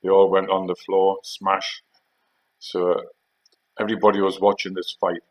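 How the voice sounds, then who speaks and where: A deep man's voice with completely flat delivery comes through a low-quality recording. The speaker, an older Geordie from Northeast England who served in the army, rambles through war stories in a relaxed, unhurried way, hesitating and using fillers.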